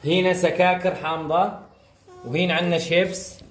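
A woman's voice: fairly low pitch, fairly even intonation, moderate pace. A woman running a playful game with her kids for a family vlog, bossy and laughing as she instructs them. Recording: echoey room, mic far off, noisy.

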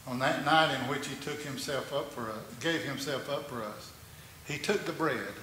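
Male pastor, cathedral echo, long reverb of a big church, measured reverent reading, heard from across the room. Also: medium pitch, pushed and bright. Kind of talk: leading a communion liturgy. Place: large church sanctuary. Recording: echoey church hall from a distance, faint noise.

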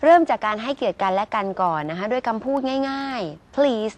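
A woman's voice: on the high side, lively intonation, fast, slight background noise. A woman co-hosting a lesson show, chatty and teasing in casual conversation. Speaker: co-host. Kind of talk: casual chat.

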